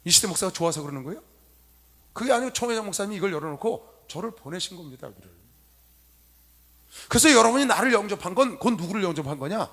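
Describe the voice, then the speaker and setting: A middle-aged man preaching a sermon to young people in a convention hall, telling stories with loud stresses and soft asides. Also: high-pitched, quick pace, long pauses. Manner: animated storytelling, swinging from loud emphasis to soft asides. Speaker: pastor.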